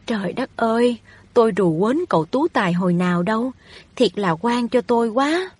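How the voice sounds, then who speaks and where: A woman's voice: a little high, lively intonation, normal speed, a little mellow, slightly rough, dry recording. A woman voicing a humble poor widowed peasant mother in a storybook reading, anxious and pleading. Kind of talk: audiobook reading of a novel.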